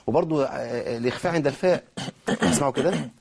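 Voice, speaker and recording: A man with an Egyptian accent teaching Quran recitation rules, explaining quickly and slowing down to model drawn-out words. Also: medium pitch, gravelly, a little mellow, husky. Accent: Egyptian Arabic. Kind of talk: tajweed lesson, explaining and demonstrating.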